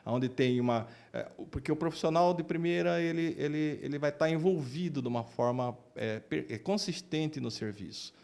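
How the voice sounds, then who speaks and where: A man's slightly high, creaky, somewhat mellow voice moves at a moderate pace with hardly any pauses. He's an oncologist and researcher with a Brazilian Portuguese accent, explaining his work in interview answers and often repeating words as he searches for phrasing.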